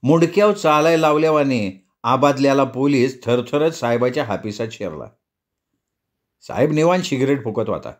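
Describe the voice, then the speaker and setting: Male storyteller, mid-pitched, vivid and earthy delivery. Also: animated, normal speed. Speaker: narrator. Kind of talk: storytelling reading.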